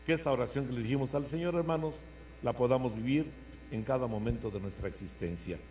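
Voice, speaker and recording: A male priest leads Mass in a middle-pitched voice, with solemn, measured phrasing as he preaches and prays. The recording carries a noticeable hum. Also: dark tone. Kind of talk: homily and liturgical prayer to a congregation. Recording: noisy church recording with mains hum.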